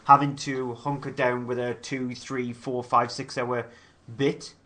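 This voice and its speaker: A man's voice: medium pitch, level tone, measured pace, pushed and bright. A man on a podcast panel, chatting in a rambling, easygoing way. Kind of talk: casual chat about games.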